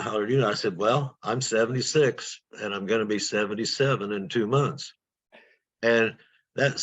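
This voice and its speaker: A man's voice: on the low side, fairly bright tone. A man in his seventies telling a rambling story with laughs on a video call. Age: 70s. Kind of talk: casual video call chat. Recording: dull lo-fi call audio.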